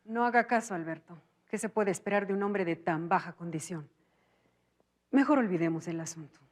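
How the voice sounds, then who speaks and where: A woman's voice: on the low side, moderate pace, close to an everyday voice. An actress playing a proud, disdainful lady of the house in a 1990s Mexican telenovela, with a Mexican Spanish accent. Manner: cool, disdainful. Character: haughty lady of the house, proper and dismissive.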